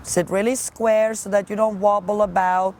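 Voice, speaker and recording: A woman coaching a riding lesson live, giving brisk, projected commands in short, repeated phrases. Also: medium pitch, little pitch movement, a little mellow, a little hiss or hum.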